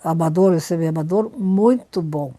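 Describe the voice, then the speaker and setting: An older woman being interviewed, telling lively anecdotes and repeating words for emphasis. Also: lowish voice, unhurried. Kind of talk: storytelling interview.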